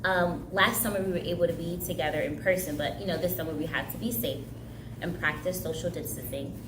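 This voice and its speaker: Indoors at a recreation center, a young adult craft instructor, a native Haitian Creole speaker, chats her way through a kids' craft lesson. Her lowish voice stays steady and fairly quick, while the room sounds roomy with background noise. She's upbeat and laughs readily.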